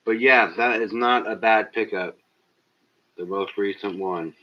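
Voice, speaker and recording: A man hosting a casual livestream speaks in a lowish, unhurried voice, cursing a lot and addressing viewers in chat directly. He's profane and exasperated, recorded through a cheap built-in webcam mic that sounds dull and lo-fi.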